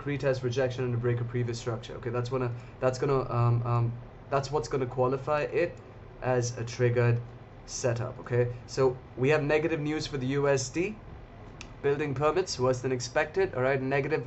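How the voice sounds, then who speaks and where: Casting note: a male trading host, casual and chatty, mid-pitched, talking to viewers, slightly dull lo-fi audio. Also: steady tone, normal speed, slight background noise. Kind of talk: live market commentary.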